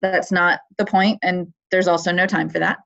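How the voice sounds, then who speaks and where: A woman with a fairly low, gravelly voice presents a webinar. She walks through her slides in a conversational way with plenty of fillers. Her audio comes through dull and lo-fi, like a computer mic. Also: fairly even intonation, normal speed, fairly bright tone. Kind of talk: explaining a competition on a webinar.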